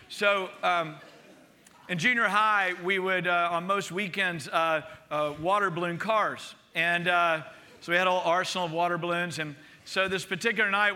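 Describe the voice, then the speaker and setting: A middle-aged man preaching a sermon, telling a lively story and building to urgent exhortation. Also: on the high side. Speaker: pastor.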